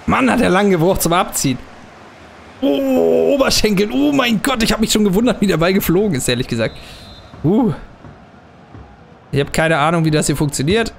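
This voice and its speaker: A young man giving casual commentary while he plays a football video game, muttering at times and bursting out loudly at plays. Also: high voice, normal speed, vocal fry, long pauses, a little hiss or hum. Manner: excitable, swings from muttering to loud outbursts at plays. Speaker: gaming channel host.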